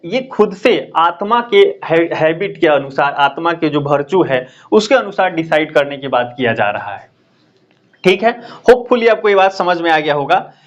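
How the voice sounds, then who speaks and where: A man's voice: sits high, lo-fi sound. A man teaching an exam-prep lecture. He explains step by step, repeats key terms and keeps checking in with "है ना?".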